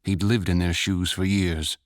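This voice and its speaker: A man narrating a fantasy short story in a measured, even storytelling manner. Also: low voice, dry recording, studio quality. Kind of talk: scripted audiobook narration.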